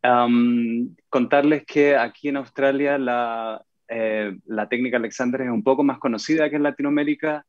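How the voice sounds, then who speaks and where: A man with a Chilean accent, an actor and Alexander Technique teacher, introducing himself on a video call in a measured way, searching for words. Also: medium pitch, fairly even intonation, no room sound. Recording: dry, dull video-call audio.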